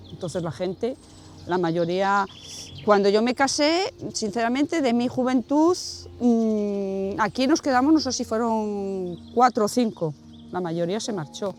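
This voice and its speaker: A woman in her sixties, a village resident, talking plainly and spontaneously in an interview. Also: medium pitch.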